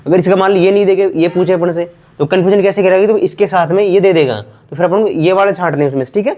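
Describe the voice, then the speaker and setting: A man runs an exam prep grammar lesson, his voice sitting a little high. He talks quickly and casually, calling students brother. He repeats each word and asks and answers his own questions aloud. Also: dark tone. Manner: repetitive, quizzing himself aloud; casual, addresses students as bhai. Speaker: teacher.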